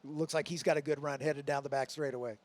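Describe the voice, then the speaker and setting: A man's voice: fairly high pitch, fairly even intonation, fast talker, no echo. A man co-commentating live motorsport, adding analysis of the cars and their moves.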